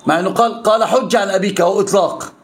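An Islamic scholar with an Egyptian Arabic accent races through an interactive religious lesson in a high-pitched voice. He keeps pressing his students with repeated questions.

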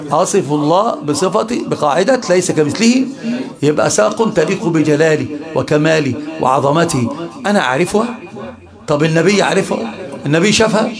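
Egyptian sheikh guy teaching a class, kinda high voice, keeps quizzing the room, lots of people audible around him. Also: animated, brisk, crowd noise. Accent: Egyptian Arabic. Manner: quizzes listeners with rhetorical questions. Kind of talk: religious study lesson. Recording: live class with audience noise.

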